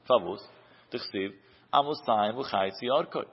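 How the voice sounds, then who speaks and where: A man giving a Talmud study lesson in a chanting singsong cadence, his pitch rising and falling through each phrase. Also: measured pace, creaky, breathy edge. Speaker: Talmud teacher. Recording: muffled, dull recording with long hall reverb.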